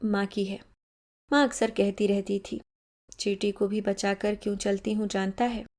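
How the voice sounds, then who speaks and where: A woman's voice: mid-range voice, level tone, unhurried, darkish tone, natural voice. A woman voicing a guilt-ridden young male killer in a story, speaking with tense, anguished muttering. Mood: anguished, haunted.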